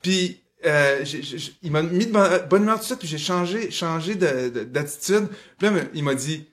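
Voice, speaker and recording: Male guest, lively storyteller, slightly high voice. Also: moderate pace. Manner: animated, expressive storyteller. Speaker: guest musician. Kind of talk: casual podcast chat.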